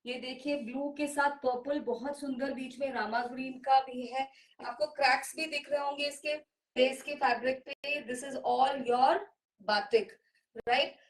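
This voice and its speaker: Middle-aged woman, Indian English accent, live selling stream, high-pitched, echoey room. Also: steady tone, far from the mic. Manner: mixes Hindi and English, drawn-out sales pitch. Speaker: seller hosting a live sale.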